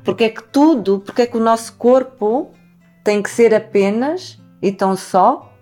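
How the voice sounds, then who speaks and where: A woman hosting a conversation, speaking in a measured, earnest way and building her points in lists. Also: fairly high pitch, mellow, faint music behind. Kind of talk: conversational discussion.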